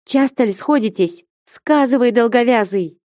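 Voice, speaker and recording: A woman voicing a bold, impatient young woman who scolds and mocks in a raised, lively voice. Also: on the high side, normal speed, no room sound, clean studio sound, voice pushed up, lightly acted. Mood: scolding. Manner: scolding, insistent, mocking.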